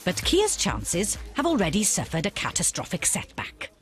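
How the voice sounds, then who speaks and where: Animated female documentary narrator over music. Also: on the low side, normal speed. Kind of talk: scripted narration. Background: background music.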